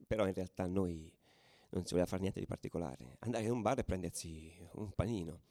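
Speaking briskly in a low voice, a man plays a tough young football ultra telling the story of his exploits. It's a tense, colloquial radio monologue that lurches from whispers to shouting, captured in a dry recording.

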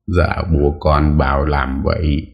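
A man voicing the tearful son of a sick master, speaking slowly and politely. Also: very deep voice, flat delivery, vocal fry, muffled recording, exaggerated voice. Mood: meek.

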